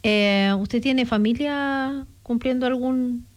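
A woman's voice: on the high side, takes it slowly. A woman hosting a radio call-in interview, speaking to callers in a familiar, caring way. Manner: warm, addresses callers familiarly. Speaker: radio host.

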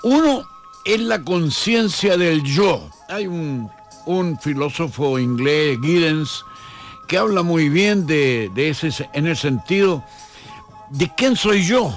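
A man's voice: fairly high pitch, animated, slow pace, soft background music. A Chilean man, a historian, answering in a radio interview, thoughtful and often restarting his words. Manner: hesitant, repeats words, reflective. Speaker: historian guest.

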